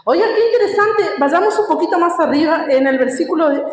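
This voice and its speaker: A woman's voice: very high-pitched, expressive, a little fast, slight background noise. A woman preaching a sermon, emphatic and asking her listeners questions as she teaches. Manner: emphatic, asks the congregation questions. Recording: echoey hall reverb.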